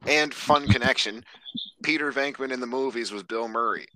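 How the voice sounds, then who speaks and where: A man's voice: mid-range voice, moderate pace, bright, forceful tone, rough recording. A man co-hosting a podcast, chatting loosely about movies and swearing often. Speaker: podcast co-host. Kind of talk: casual chat.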